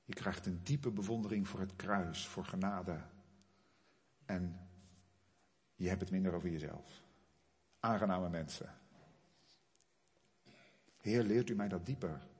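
A man preaching a sermon, his delivery swelling loud and high at the climaxes and then dropping low. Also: a little slow, pauses often, big-room sound. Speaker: pastor.

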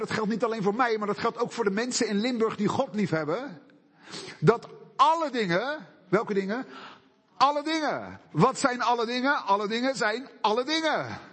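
Male preacher with a high, lively voice, delivering a sermon full of rhetorical questions, recorded in a reverberant hall. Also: breathy edge. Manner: animated, asks and answers rhetorical questions. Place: church hall. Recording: echoey hall.

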